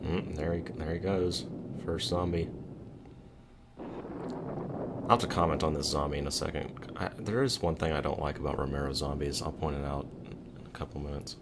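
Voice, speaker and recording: A man's voice: extremely low pitch, fairly even intonation, normal speed, long pauses, heavy background noise. A man giving chatty, opinionated commentary while watching a film. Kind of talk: casual movie commentary. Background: music playing loudly.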